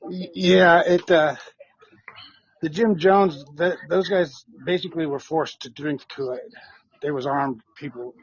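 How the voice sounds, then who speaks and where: A man's voice: on the high side, measured pace, husky, lo-fi sound. A man calling in to a live stream, hesitant, with many fillers, correcting the host. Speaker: caller. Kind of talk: casual call-in chat.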